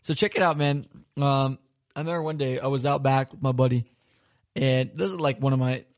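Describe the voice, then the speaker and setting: A man's voice: medium pitch, a little fast. A young man from Florida hosting a casual chat, telling a rambling story full of swearing and laughter. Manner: rambling, laughing, swears a lot, animated retelling. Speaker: podcast host.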